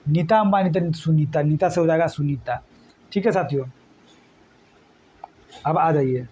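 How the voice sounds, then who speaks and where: A man's voice: on the high side, measured pace, mellow, slight background noise. A man teaching an exam current affairs lesson, repeating memory tricks and coaxing his students along. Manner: repetitive, coaxing, addresses students as friends.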